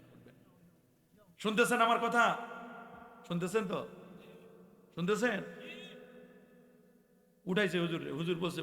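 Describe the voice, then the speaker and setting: Preacher, male; gravelly, sharp voice, echoey PA sound. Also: high-pitched. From Bangladesh. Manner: impassioned, repeating phrases and rising to shouts. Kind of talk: waz sermon.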